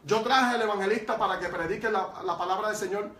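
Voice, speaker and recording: A man's voice: sits high, fast talker, fairly bright tone. A man voicing a wise, firm elderly woman church leader, speaking in earnest, motherly tones. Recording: roomy sound from far off.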